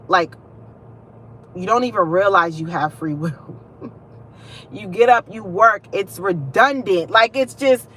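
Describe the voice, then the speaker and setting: A woman's voice: medium pitch, a bit bright, a little hiss or hum. A young woman, hosting a casual livestream, chatting and venting directly to her viewers. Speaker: livestream host.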